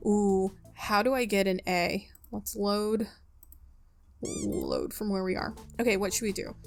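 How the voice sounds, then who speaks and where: Hosting a gaming video, a woman chats and talks to herself playfully, reading game text aloud close to a mic with no pop filter while music plays behind her. Her mid-range voice swoops wildly in pitch, and she takes her time.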